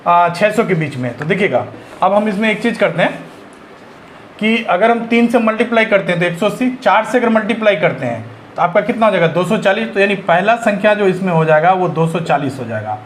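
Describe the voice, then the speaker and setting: A man's voice: high-pitched, lively intonation, fairly quick, slight background noise. A man teaching maths for exam preparation, working through each sum step by step and answering his own questions as he goes. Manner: works through sums step by step, asks and answers himself. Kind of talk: exam-prep maths lesson.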